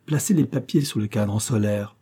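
A man voicing a desperate young gentleman who feels hunted by fate, telling his story anxiously. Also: lowish voice, moderate pace, breathy edge.

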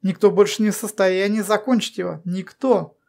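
A woman's voice: medium pitch, normal speed, darkish tone, natural voice. A woman voicing a man, a surgeon, who speaks with heated conviction in an audiobook. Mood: earnest. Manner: heated, earnest. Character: adult male surgeon, fervent and admiring.

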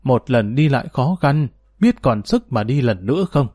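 A gentle older grandfather, put on by a male narrator, coaxes softly and kindly. His voice is mellow and dark, dry and close, in a storybook reading. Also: mid-range voice, animated, moderate pace, dry recording, close to an everyday voice. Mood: coaxing.

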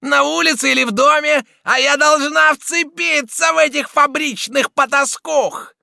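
A man voicing a ragged, foul-mouthed woman brawler who screeches and yells. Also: extremely high pitch, unhurried, vocal fry, dry recording, studio quality, pitched above the performer's own voice, heavily acted. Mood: screeching. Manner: screeching, yelling.

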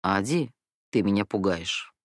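A woman reading an audiobook voices a calm, steady adult woman friend with a deep, well-trained chest voice. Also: moderate pace, no room sound, clean studio sound, full character voice. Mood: firm. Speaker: rehearsing performer.

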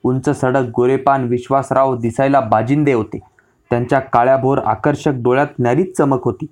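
Brief: man, mid-range pitch, measured historical audiobook narration. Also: steady tone, a little mellow. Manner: measured, literary storytelling.

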